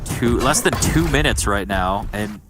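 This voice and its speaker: A man's voice: lowish voice, animated, a little slow, music in the background. A man working as an esports caster, calling a video game match play by play. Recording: noisy game sound behind. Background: video game sound effects.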